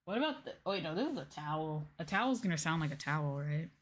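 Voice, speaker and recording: On her ASMR livestream, a VTuber talks fast and animatedly in a low voice. She's near the mic, chatting casually in a playful, giggly, slightly hesitant way.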